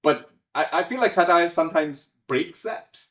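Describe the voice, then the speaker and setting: A man, a playwright, talking in an interview in a thoughtful, halting way, often restarting and laughing softly. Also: on the high side, highs cut off. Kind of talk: conversational interview. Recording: roomy echo.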